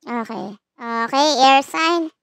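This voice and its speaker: A woman's voice: sits high, takes it slowly, fairly bright tone, clean tone, no echo. A woman hosting a casual tarot reading, playful and teasing, laughing often at her own jokes. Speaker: tarot reader and channel host.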